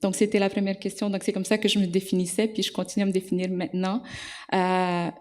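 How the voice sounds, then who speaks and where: Woman, 40s, from El Salvador, panelist, flat intonation, measured delivery. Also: medium pitch. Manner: measured, repeats "donc". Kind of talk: panel discussion.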